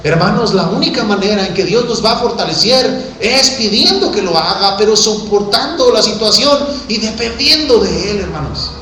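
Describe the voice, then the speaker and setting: A preacher delivers an impassioned sermon, dropping to hushed words and then rising to shouts. His voice is sharp, bright and slightly high. It rings through a very echoey church hall, with faint noise beneath it. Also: animated, normal speed, few pauses. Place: church sanctuary.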